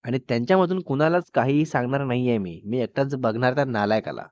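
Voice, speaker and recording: A man's voice: medium pitch, animated, fast, no room sound, muffled recording, natural voice. A man playing a protective young lover. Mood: firm. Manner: reassuring but firm.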